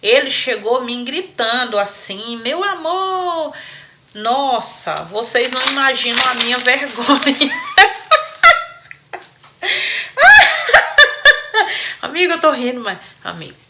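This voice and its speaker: A woman hosting a storytelling show, retelling a listener's story with animated, chatty asides and frequent laughter. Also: a little high, normal speed, background noise. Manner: animated, laughs often, talks to listeners as friends. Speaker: storyteller host.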